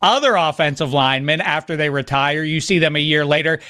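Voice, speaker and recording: A man's voice: a little high, fairly quick, pushed and bright. A man hosting a casual sports podcast, talking in a wry, playful way with rambling asides. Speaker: podcast host.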